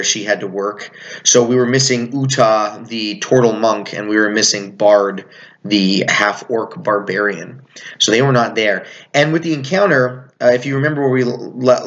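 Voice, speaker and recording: A man's voice: on the low side, a bit bright. A man, a game master, casually recapping a tabletop game session and often correcting himself mid-sentence. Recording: slightly dull lo-fi sound.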